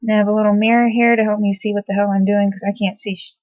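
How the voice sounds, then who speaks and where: A young beauty vlogger rambles casually through her skincare and makeup routine in her bedroom, swearing offhandedly. Her mid-range, darkish voice is rapid-fire with little pitch movement. A laptop's built-in mic gives dull, dry audio with no room sound.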